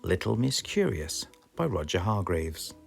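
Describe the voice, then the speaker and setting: A British narrator with a deep, unhurried voice and some vocal fry reads a children's story expressively, with music playing underneath. He draws the listener in by asking them questions.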